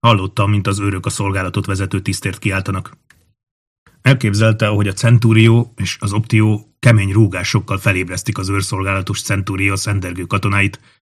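A male audiobook narrator with a fairly low voice, reading a historical novel steadily and with measure. The delivery is calm and even throughout. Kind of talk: scripted narration.

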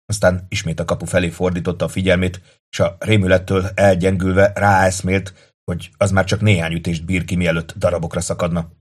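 A man reading a war novel aloud as narrator, steady and dramatic. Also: deep voice. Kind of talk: audiobook narration.

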